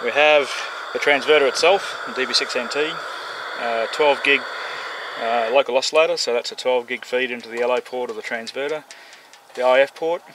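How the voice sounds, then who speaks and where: An Australian amateur radio operator in his forties gives an informal demonstration on an open grassy hillside, talking briskly in a mid-range voice. The outdoor recording has clear background noise.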